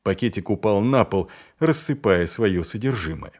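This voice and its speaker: Guy reading an audiobook, lively storytelling, low voice with lots of swing. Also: normal speed. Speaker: audiobook narrator. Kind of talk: scripted narration.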